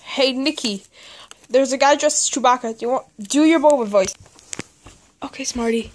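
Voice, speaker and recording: A woman's voice: high voice, normal speed, slight background noise, natural voice. A woman voicing an eager, chatty young kid going trick-or-treating in a fan cartoon. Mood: excited.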